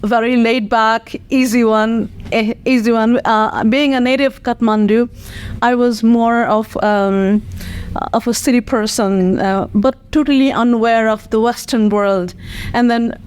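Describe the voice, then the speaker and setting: A woman's voice: fairly high pitch, fairly even intonation, measured pace, darkish tone, clean tone. A young woman from Nepal with a Nepali accent, whose first language is not English, answering interview questions earnestly with many fillers. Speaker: nonprofit executive director.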